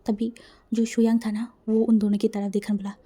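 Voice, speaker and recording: A woman's voice: a little high, little pitch movement, brisk, warm tone. A woman narrating a fan-fiction story in a dramatic way, mixing in English words.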